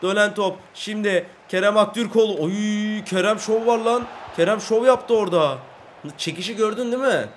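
A young man playing a football video game, switching between laid-back chat and loud excited play-by-play. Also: sits high, moderate pace, a little hiss or hum. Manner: swings from calm chat to shouted play-by-play. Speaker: gaming YouTuber.

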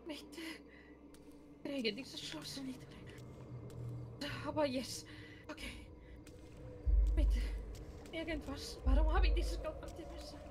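A woman playing a panicky, high-voiced frightened woman. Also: fairly even intonation, slow, long pauses. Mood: panicked. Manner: panicky, babbling, talks to herself, slips into Spanish exclamations. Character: frightened young woman lost in a horror scene. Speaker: roleplay streamer. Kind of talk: live roleplay in a game. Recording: game noise behind the voice.

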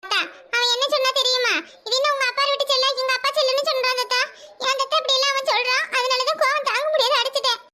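A woman's voice: very high voice, steady tone, fast talker, bright, forceful tone. A woman voicing cheeky, quarrelsome young boys in a cartoon, teasing and bickering over a phone. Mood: pleading. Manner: squabbling, teasing banter. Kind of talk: cartoon voice acting.

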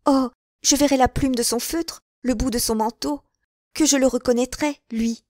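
A woman's voice: sits high, steady tone, moderate pace, darkish tone, dry recording, studio quality, pitched above the performer's own voice, close to an everyday voice. A woman reader voicing a young, lovestruck, trusting woman in an audiobook, with eager exclamations. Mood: excited.

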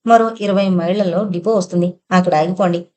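A woman's voice: fairly low pitch, steady tone, fairly quick, warm tone, natural voice. Woman voicing a chatty scheming lorry driver. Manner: talkative, familiar, calls him sir.

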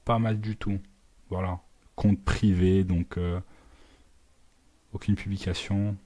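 A man's voice: low voice, flat delivery, takes it slowly, warm tone. A man who runs a digital marketing agency, narrating his work live in a casual way, thinking aloud with many fillers and little sound words, and dropping English business terms into his talk. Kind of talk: live screen walkthrough, casual.

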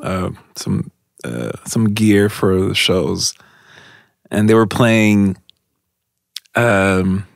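Slow-talking guest musician man. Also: deep voice, creaky, dry recording, clean studio sound. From Montreal. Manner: measured, thoughtful with hesitations. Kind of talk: casual interview chat.

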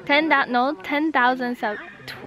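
A woman in her twenties, vlogging with a camera at arm's length on a walk and at a train station, chatty and excitable. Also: high voice, normal speed. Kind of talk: casual chat. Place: forest trail outdoors, then a train station. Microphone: handheld camera at arm's length.

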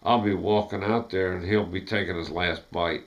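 A man's voice: low-pitched, fairly even intonation, moderate pace, poor audio. A man in his fifties chatting casually in a slangy, laid-back way. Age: 50s. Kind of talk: casual chat. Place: small wood-panelled room indoors.

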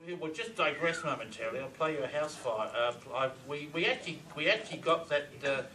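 A man giving a live seminar to an audience, animated, with pauses and asides. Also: a little high, a little hiss or hum. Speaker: lecturer on reverse speech. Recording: roomy hall mic from far off, audience around.

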